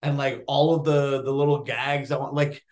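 A man, an actor and stand-up comedian, chatting excitably in an interview with lots of fillers. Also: mid-range voice, normal speed. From Canada. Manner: excitable, rambling with many fillers. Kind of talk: casual interview chat.

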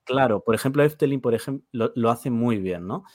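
A man, a guest on a podcast, explaining his views in quick, long runs of casual talk. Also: medium pitch, dry recording, studio quality. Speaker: guest, theme park reviewer.

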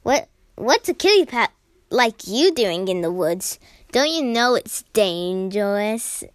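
Woman reading as a young male cat apprentice, cheerful, chatty, boastful, storybook, slow, dry sound. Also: medium pitch, sing-song, dry recording.

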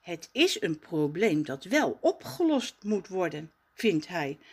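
A woman reading a children's story aloud in a gentle, expressive storytelling manner. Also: fairly low pitch, slow, slightly rough. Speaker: storybook reader.

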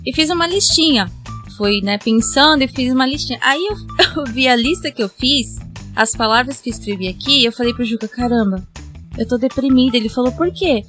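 Woman chatting and laughing, high voice. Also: a little fast, pushed and bright, soft background music. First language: Japanese. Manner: laughs often while telling stories. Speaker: guest. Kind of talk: casual chat.

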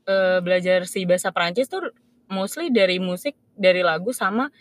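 A woman's voice: lowish voice, moderate pace, no room sound. A young woman from Indonesia chatting casually, often agreeing and telling a travel story. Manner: relaxed, agreeable, many affirmations. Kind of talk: casual chat.

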